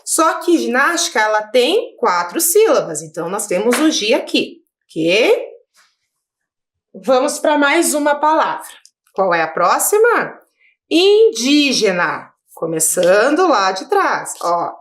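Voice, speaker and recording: Woman teacher, from Brazil, video lesson for children, patient step-by-step explaining, lively rising and falling pitch. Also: a little slow. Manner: patient, explaining step by step with frequent check-ins.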